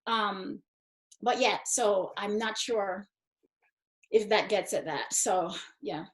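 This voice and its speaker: A woman moderating a college talk, speaking thoughtfully and pausing often to search for words before reading out a guest's bio. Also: mid-range voice, poor audio. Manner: thoughtful, searching for words, frequent restarts and fillers. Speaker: event moderator.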